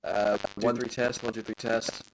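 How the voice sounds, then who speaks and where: A woman's voice: extremely low pitch, level tone, normal speed, heavy background noise. A woman stream moderator chatting over voice chat, blunt and opinionated, swearing freely. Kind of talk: casual chat as a co-host on a live stream.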